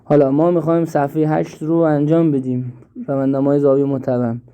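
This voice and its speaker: A man teaching an app step by step, slowly and with repeats, in a screen-recorded tutorial. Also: on the high side, flat delivery, warm tone, clean tone. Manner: slow step-by-step explaining, repeats himself. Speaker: instructor.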